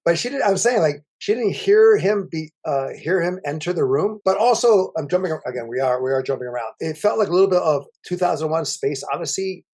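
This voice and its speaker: A man co-hosting a casual movie review chat, rambling and animated, with many restarts. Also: fairly high pitch, fairly quick, hardly any pauses. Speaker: podcast co-host.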